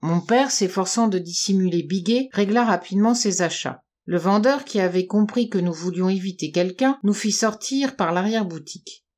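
A woman narrating a first-person novel as an audiobook reader, in a measured storytelling manner. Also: mid-range voice, darkish tone.

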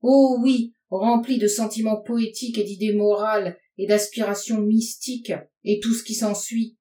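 Une femme lisant à voix haute prête sa voix à un jeune homme furieux et amer, dont la tirade méprisante est lancée en criant. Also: female voice, high voice, slow, pitched above the performer's own voice. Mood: méprisant. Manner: shouting, scornful tirade. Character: furious, bitter young man raging against mankind. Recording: roomy sound from a distance.

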